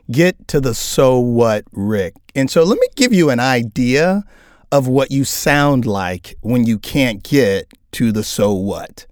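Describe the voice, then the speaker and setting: A man co-hosting a career advice podcast, telling stories in an animated way and acting out exasperated listeners. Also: medium pitch, no echo, studio quality. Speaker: co-host.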